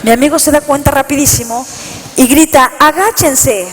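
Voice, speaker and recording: A woman's voice: sits high, moderate pace. A woman giving an earnest personal testimony to an audience, telling her story step by step. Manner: earnest storytelling, reliving events, quoting herself and others. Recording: long reverb in a hall, faint noise.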